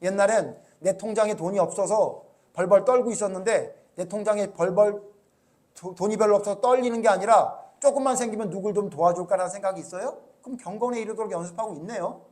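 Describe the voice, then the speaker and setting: High-voiced preaching Korean pastor. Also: male voice, fast. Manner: preaching with many rhetorical questions to the congregation; swings from soft low asides to loud emphatic outbursts. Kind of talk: sermon.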